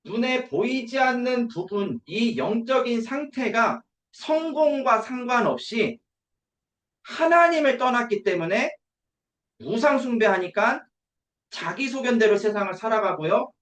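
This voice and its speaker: A man delivers a sermon in an echoey church hall, his voice ranging widely in pitch. He preaches emphatically, posing rhetorical questions to the room and answering them himself. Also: animated, a little slow, a bit bright. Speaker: preacher at an evangelism school.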